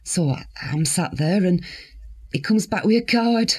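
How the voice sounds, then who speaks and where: A weary sixty-year-old woman in care, as an actress plays her speaks in a husky, slightly breathy voice. She recounts her days in a blunt, wry monologue, bitterness never far below the surface. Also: fairly low pitch, expressive, unhurried, a little mellow. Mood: touched. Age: 60s. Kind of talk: dramatic monologue.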